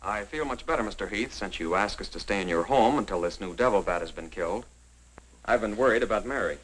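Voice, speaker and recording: An actor playing a worried, earnest gentleman houseguest in 1940s horror film style. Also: lowish voice, lively intonation, quick pace, poor audio.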